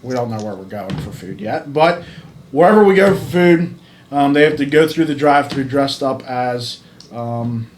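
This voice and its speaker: A man's voice: mid-range voice, expressive, moderate pace, a little hiss or hum. A man who preaches, co-hosting a youth video with dry, self-deprecating banter. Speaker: co-host, pastor. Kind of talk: casual banter over a game.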